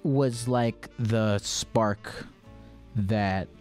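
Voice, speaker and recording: A man's voice: fairly low pitch, extremely slow, a little mellow, soft background music. A young man hosting a call-in show from a home studio, chatting casually in a laid-back, rambling, joking way into a stand mic. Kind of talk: casual call-in advice chat.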